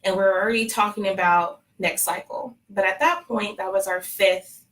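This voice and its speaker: A woman's voice: mid-range voice, fairly even intonation, moderate pace, rough recording. Chatty, laughing Texan woman. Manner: warm, laughs often, chatty storytelling. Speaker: fertility clinic staffer sharing her story. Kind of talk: casual chat on a live stream.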